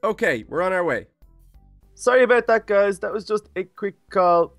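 A man playing a friendly, excitable young turtle teacher in an improvised video game roleplay, chatty and casual. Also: sits high, normal speed, dry recording, studio quality, faint music behind. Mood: surprised, concerned.

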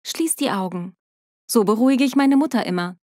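A shy teenage girl, voiced by a woman narrator, talks in a soft, calming voice. Her tone sits a little high. The recording is dry and close. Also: moderate pace, no echo. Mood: soothing. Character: teenage girl Lena, shy then apologetic.

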